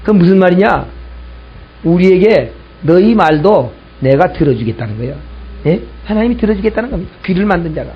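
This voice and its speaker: Man, pastor, sermon, husky voice, dull lo-fi recording. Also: sits high, animated, a little fast. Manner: storytelling preacher, acts out both sides of a dialogue, repeats key lines.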